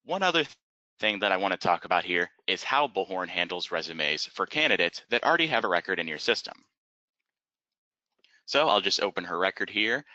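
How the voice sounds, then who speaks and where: In this webinar, a man acting as a software trainer explains the material step by step with careful method. He speaks in a low voice, captured close up with a dry, somewhat flat sound and no room ambience.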